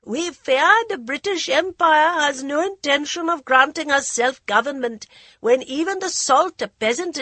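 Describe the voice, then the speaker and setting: A woman voicing a frail elderly male freedom leader who addresses a crowd with impassioned oratory in a high, nervous voice. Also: fairly bright tone, no echo. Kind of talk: audiobook character voice.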